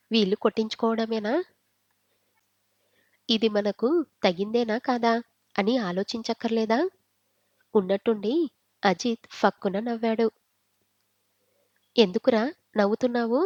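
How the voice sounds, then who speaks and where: Woman, storyteller, reads a family story aloud, voices the dialogue, mid-pitched, dry close sound, slightly muffled. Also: dry recording.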